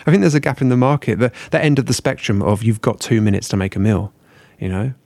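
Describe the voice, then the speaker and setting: A man's voice: fairly low pitch, animated, quick pace, gravelly, darkish tone, dry recording. A man rambling on in a casual chat, self-deprecating and sweary.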